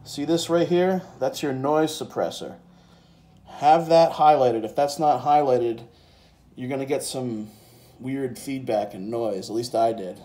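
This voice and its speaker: An unhurried man with a dark, medium-pitched voice presents a relaxed music gear tutorial, demonstrating software and a synth while thinking out loud. He's indoors near a synthesizer keyboard, with a handheld phone and a separate handheld microphone capturing him.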